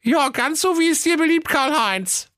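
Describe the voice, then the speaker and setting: A man voicing a kindly, cunning ogre wife who speaks in a soothing but brisk falsetto. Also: lively intonation, bright, forceful tone, dry recording, clean studio sound, full character voice. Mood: meek.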